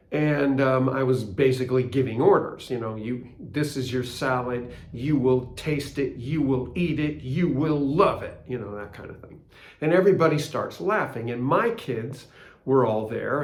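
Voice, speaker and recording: A man's voice: mid-range voice, gravelly. An older man hosting a casual spoken reflection, telling a story in a chatty way and asking rhetorical questions. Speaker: blog host. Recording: roomy echo.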